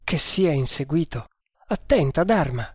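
A devoted servant in a storybook adventure, earnest and fearful, his voice lifting a little higher and louder when he calls out urgently, as a male narrator puts him on. The recording is dry and close. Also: lively intonation, measured pace, husky, dry recording. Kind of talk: audiobook character voice.

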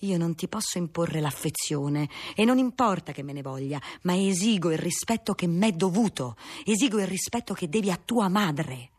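A woman voicing a stern aristocratic prince who demands respect from his son, in a husky voice. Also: fairly low pitch, animated, moderate pace, hardly any pauses, darkish tone. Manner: severe, demanding.

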